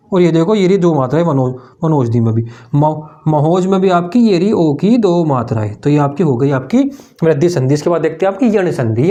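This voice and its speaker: A man from India with a slightly high, mellow voice teaches Hindi grammar to an exam-prep class. He repeats each point and addresses the students as "brother."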